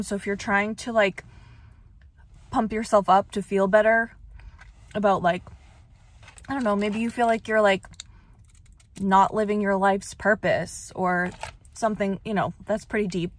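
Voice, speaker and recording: A young woman vlogging casually, chatting with lots of "like" fillers and easy laughs while out running errands. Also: mid-range voice. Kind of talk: casual vlog chat. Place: car and errands, in and out of doors.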